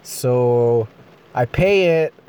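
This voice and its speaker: A man's voice: mid-range voice, lively intonation, extremely slow, dark tone, smooth. A man ranting in a vlog, agitated, swearing and rambling. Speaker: vlogger. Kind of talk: profane personal rant.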